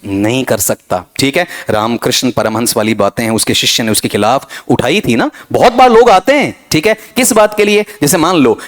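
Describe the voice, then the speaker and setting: A middle-aged man teaching an English vocabulary revision class, animated and fond of asking students questions and saying "theek hai". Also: medium pitch, moderate pace, few pauses. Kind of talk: lively classroom revision lecture.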